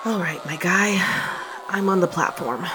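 A woman's voice: lowish voice, measured pace, lightly acted. A young woman narrating and acting as a sarcastic, profane heroine caught up in a dangerous stunt. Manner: sarcastic and profane, often panicky. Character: sardonic young woman narrating her own reckless stunt. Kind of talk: first-person audio drama narration. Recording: audible background noise.

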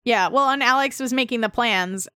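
Bright, animated woman podcaster. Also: on the high side, moderate pace, smooth, no room sound, studio quality. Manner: animated, dramatic retelling with voiced asides. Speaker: podcast co-host. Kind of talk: casual comic book podcast chat.

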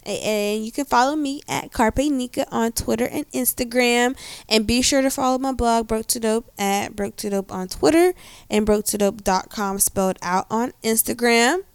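An upbeat woman co-hosting a chat podcast, handing out shout-outs in a bright manner. Her voice sits a little high and sounds clear. The recording is dry and close. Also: moderate pace, no room sound. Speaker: podcast co-host and blogger. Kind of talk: casual chat.

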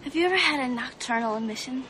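A woman's voice: high voice, lively intonation, quick pace, bright, forceful tone, a little hiss or hum. An actress playing a blunt, provocative teenage girl in film dialogue, frank and teasing.

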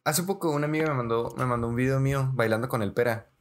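A young man, a podcast co-host telling stories in slangy, animated casual chat. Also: mid-range voice, fast. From Mexico. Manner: slangy, says "güey" constantly, animated storyteller.

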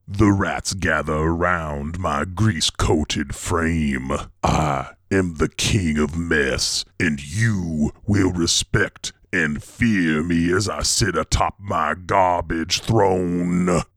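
A man voicing a grimy, boastful male pirate radio DJ who calls himself the king of mess, talking in a slow, folksy drawl. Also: deep voice, fairly bright tone, dry recording, clean studio sound, heavily acted. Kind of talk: actual-play radio show bit.

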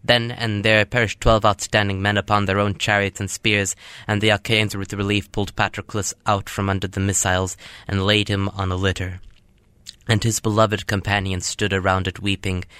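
A man hosting a show, reading epic verse aloud with his own commentary in a measured way. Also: deep voice, fairly bright tone, smooth, dry recording. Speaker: host reading classic literature.

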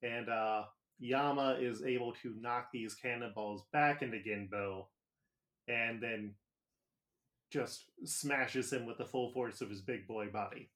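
A male podcast co-host talks through an episode recap in a loose, joking way. He laughs along and peppers his telling with filler words. His voice sits at a middling pitch. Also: a little slow, a bit bright.

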